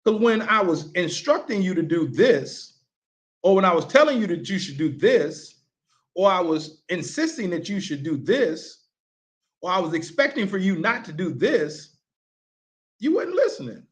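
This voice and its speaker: A man's voice: high voice, sing-song, moderate pace. A male basketball coach giving a casual, motivational talk to sports parents, repeating rhetorical questions for emphasis. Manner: casual, colloquial phrasing.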